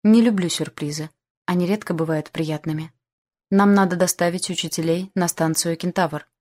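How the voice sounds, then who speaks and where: A composed male starship captain speaks in a measured, matter-of-fact way, as a woman reads him in an audiobook. His tone is even and businesslike, pitched a little low. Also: close to an everyday voice. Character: calm male ship captain.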